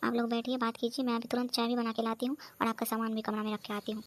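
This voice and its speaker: A woman voicing an anxious, hardworking young housewife in a comedy cartoon, talking in hurried, worried chatter. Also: on the high side, level tone, a little hiss or hum, lightly acted. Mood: placating. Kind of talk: cartoon voice acting.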